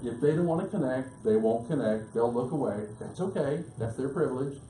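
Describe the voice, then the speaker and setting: A man delivers a seminar to a live audience, running through his points in a rapid, emphatic way. His voice is mellow and of middling pitch. The room around him is roomy and echoing, with a faint hum underneath. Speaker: business speaker.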